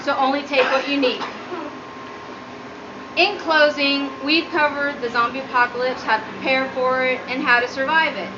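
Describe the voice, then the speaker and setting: Through low-quality, muffled audio and audible background noise, a female student presents a humorous speech she prepared, her delivery nervous and full of giggles.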